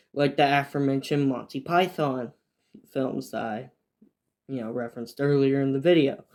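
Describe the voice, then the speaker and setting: A man with a mellow, medium-pitched voice hosts a history video essay, reading scripted lines about dates and events. He keeps drifting into offhand asides, using fillers and restarting between points in this semi-scripted narration.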